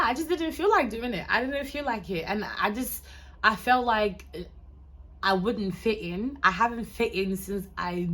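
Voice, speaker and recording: A woman's voice: medium pitch, a bit bright. A young woman from Ghana with a mixed American, Ghanaian and London accent, chatting candidly to camera in a rambling, casual way. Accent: mix of American, Ghanaian and London. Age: young adult. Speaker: vlogger.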